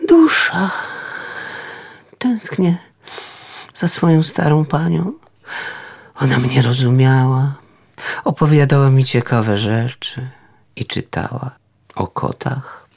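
A man voicing a vain old tomcat, gravelly. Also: medium pitch, expressive, slow, pauses often, a little mellow, full character voice. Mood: melancholy. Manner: lofty, mock-philosophical. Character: old male house cat, vain and lofty.

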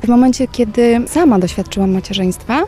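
A woman teacher answering interview questions in a reflective way, pausing often with small fillers. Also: on the high side, mellow, faint music behind. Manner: reflective, speaks thoughtfully with pauses and "e" fillers.

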